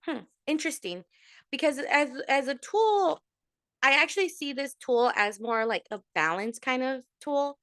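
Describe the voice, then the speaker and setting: A woman talks her followers through a monthly tarot reading in a loose, chatty way, full of fillers and Spanish terms of endearment. Her voice sits a little high and sounds bright and forward. The recording is dry, with no room sound. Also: expressive, a little slow, dry recording. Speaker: tarot reader.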